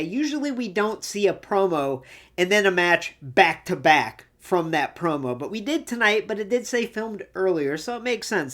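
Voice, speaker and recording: 热情健谈的女主播. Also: female voice, mid-range voice, a bit bright. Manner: chatty and enthusiastic, acts out quotes. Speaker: wrestling recap host. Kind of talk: casual solo recap commentary.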